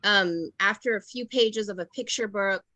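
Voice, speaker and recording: A woman's voice: mid-range voice, normal speed, sharp tone, no room sound, lo-fi sound. A middle-aged woman leading an online teacher workshop over a video call, talking reflectively and checking in with "right?" and "okay?".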